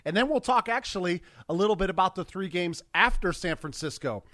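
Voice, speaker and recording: A man's voice: high voice, lively intonation, bright, forceful tone, no room sound, clean studio sound. An American man hosting a casual sports podcast, upbeat and teasing with his co-hosts. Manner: upbeat, teasing, quick to laugh. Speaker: podcast host.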